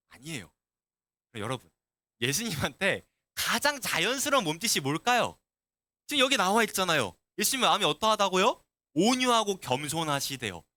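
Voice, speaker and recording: Lively high-voiced man preaching to teens. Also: no echo. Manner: asks the students many questions; lively and animated. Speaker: youth pastor. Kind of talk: sermon to middle schoolers.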